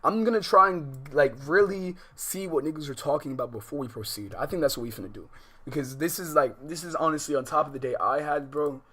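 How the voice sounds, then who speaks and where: With music running underneath, an American livestream host alternates between exasperated, profane, slang-heavy chat and reading visual novel lines aloud. The voice is fairly high, fairly quick, and sharp in tone.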